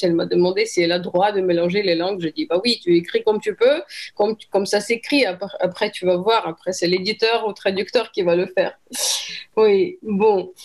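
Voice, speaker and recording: A woman's voice: mid-range voice, a little mellow. Woman interviewer. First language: Ukrainian. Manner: friendly, searching for words, many fillers. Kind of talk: casual conversational interview.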